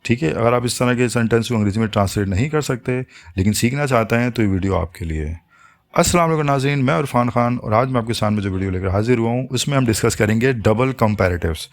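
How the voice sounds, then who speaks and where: A man teaching an English grammar lesson, explaining patiently step by step and slowing down to spell out each English example. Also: medium pitch, lively intonation.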